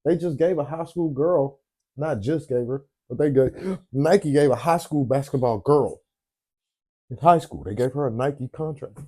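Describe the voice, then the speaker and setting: A tired man with a very dark, mellow voice talks in a laid-back, rambling way, trailing off with ums while he hunts for words. He chats casually, like a late-night host winding down. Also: mid-range voice, measured pace. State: tired, yawning. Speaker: podcast host.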